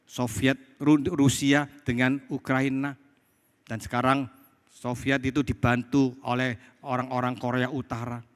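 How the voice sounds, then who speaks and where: A male pastor preaching to a congregation, asking himself questions and swinging between loud exclamations and quiet asides. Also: medium pitch, flat delivery, unhurried. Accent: Indonesian. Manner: rhetorical questions answered himself, addresses congregation as saudara. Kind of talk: sermon. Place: church hall. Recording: long hall reverb.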